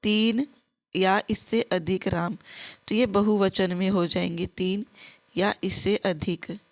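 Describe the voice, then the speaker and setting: A woman's voice: medium pitch, fairly even intonation, takes it slowly. A woman teaching a grammar lesson for exam preparation, repeating words and drilling her students in call-and-response, with English words mixed into her talk. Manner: mixes English words into Hindi. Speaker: Sanskrit teacher.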